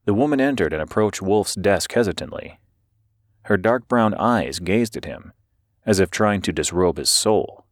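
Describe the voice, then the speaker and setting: A man with a very low voice reads an audiobook in a steady, measured way. The recording is dry and close to the mic, with no room sound. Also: no room sound. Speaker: audiobook narrator. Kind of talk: scripted audiobook narration.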